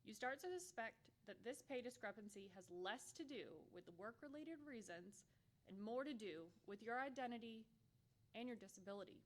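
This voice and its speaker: A woman's voice: on the high side, expressive, moderate pace. Candid, funny woman presenter. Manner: candid and humorous, with playful asides. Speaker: workshop presenter. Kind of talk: conference session talk.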